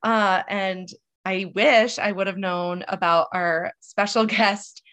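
A woman's voice: medium pitch, steady tone, slow, fairly bright tone. A woman co-hosting a casual podcast chat, sounding nasal and congested from a cold. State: has a cold. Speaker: podcast co-host.

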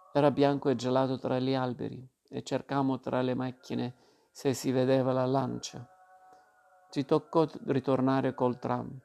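A man narrating a literary novel in the first person, in a calm and measured way. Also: mid-range voice, creaky. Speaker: audiobook narrator. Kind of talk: literary audiobook reading.

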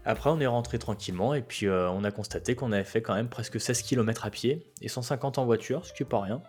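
A man from France casually recounting a road trip, chatty and relaxed, with frequent hesitations. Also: mid-range voice, fast talker, faint music behind. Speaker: travel guest. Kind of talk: casual travel storytelling.

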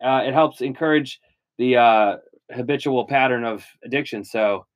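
A man's voice: medium pitch, normal speed. Young guy cohosting a chatty show, rambles, lots of ums, reads tips off a list. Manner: rambling, reads tips aloud with filler words. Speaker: podcast co-host. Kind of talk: casual chat.

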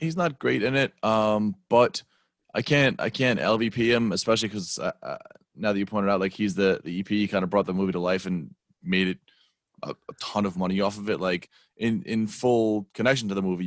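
A man with a lowish voice, recorded close and dry, rambling bluntly through a movie discussion. His talk is full of fillers like "um" and "like.". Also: a little fast, no room sound. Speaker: podcast co-host. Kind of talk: casual movie review chat.

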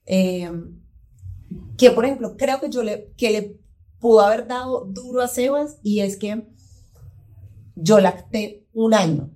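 A woman from Colombia with a Paisa accent, in her thirties, chatting casually as a podcast guest and lively acting out quotes. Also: on the high side, slow, long pauses. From Colombia, Pereira. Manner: animated, acts out her child's voice in quotes. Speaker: guest, mother and entrepreneur. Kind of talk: casual conversational chat.

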